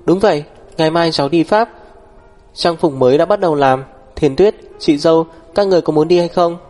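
A man's voice: on the high side, a little mellow, faint music behind, voice pushed up, lightly acted. A man voicing a cheerful, chatty young woman in a storybook reading. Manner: cheerful and quick.

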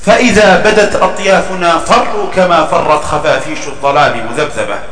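A man reciting classical poetry in a formal, emphatic and measured declamation. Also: on the high side, a bit bright. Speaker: poet reciting his own verse. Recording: echoey, long reverb, distant from mic.

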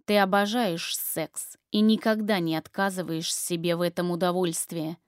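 A woman's voice: on the high side, moderate pace, no room sound, natural voice. Casting: a woman reading a cold, domineering young husband, harsh and mocking, dry close mic. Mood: menacing.

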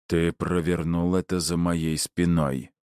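A man voicing a grim, commanding gang boss who speaks slowly and heavily. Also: low-pitched, flat delivery, a little mellow, smooth, no echo, clean studio sound. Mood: resentful. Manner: slow, heavy, barking delivery.

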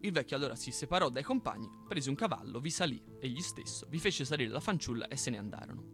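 A man hosting a radio show, reading a folk tale aloud in an expressive storytelling manner. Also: medium pitch, fast talker, faint music behind. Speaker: radio host. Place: radio studio.

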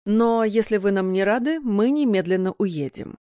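A woman voicing a cold, deliberate husband. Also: medium pitch, mellow, smooth, no echo, clean studio sound, close to an everyday voice. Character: calm, menacing young husband.

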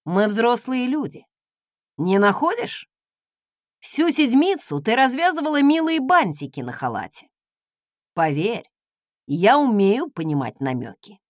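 Self-assured, mocking husband who purrs his words with a smirk and a lively, rising-and-falling melody, as a female reader puts him on. The recording is dry and close, with no room sound. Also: on the high side, a little slow, pauses often, dry recording. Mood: smug. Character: smug teasing husband, adult man, magic-dabbling noble. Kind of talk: audiobook character reading.

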